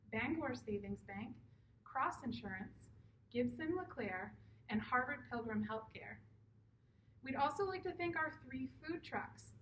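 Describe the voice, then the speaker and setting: A higher-voiced woman gives a formal thank-you speech as a drive-in event speaker. She sounds distant over the PA, with clear echo around her words. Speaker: board chair opening an event as speaker. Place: public event at a drive-in movie night. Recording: echoey, distant PA sound with faint noise.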